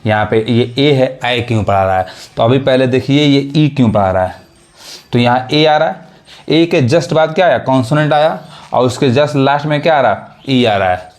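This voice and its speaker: A man's voice: medium pitch, expressive, normal speed. A man teaching English pronunciation rules in Hindi, repeating his points and often checking whether his listeners understand. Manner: repetitive teaching, asks "samajh mein aa raha hai?". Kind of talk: classroom explanation.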